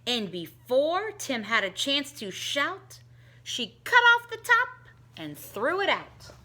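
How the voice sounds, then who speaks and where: Reading a rhyming picture book to children, a middle-aged teacher takes her time, her bright, slightly high voice swooping wildly in a sing-song lilt. She shifts into different voices for each character.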